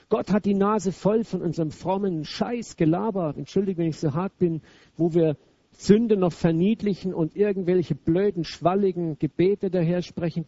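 A man's voice: sits high, warm tone, no echo. A man preaching a sermon in a blunt, emphatic, colloquial way. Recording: dull lo-fi recording.

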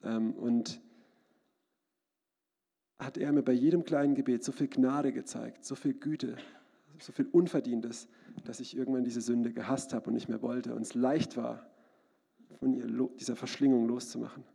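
A man delivers a sermon in a church hall, earnest and personal, now and then breaking into loud cries. His voice is gravelly and husky, dark in tone, sitting a little high for a man. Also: fairly even intonation, moderate pace, pauses often. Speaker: preacher.

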